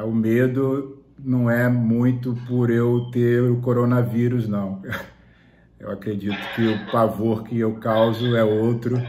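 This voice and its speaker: Measured man in his forties. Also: fairly low pitch, a little mellow. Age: 40s. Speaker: interviewee. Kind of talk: testimony interview.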